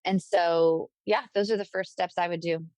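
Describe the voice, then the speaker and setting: A woman's voice: lowish voice, steady tone, moderate pace, darkish tone, no room sound. Upbeat woman giving wedding business advice. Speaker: podcast guest, wedding business coach. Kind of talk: casual interview talk.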